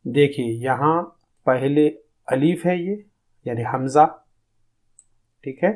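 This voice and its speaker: A man teaching pronunciation in a recorded lesson, explaining calmly and drawing out demonstration sounds slowly. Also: medium pitch. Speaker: tajweed teacher.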